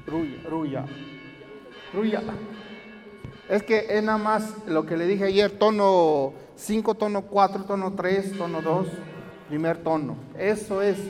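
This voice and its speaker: A man teaching at a language workshop, explaining grammar slowly, with many fillers and repeated phrases. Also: high-pitched. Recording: long hall reverb, faint music.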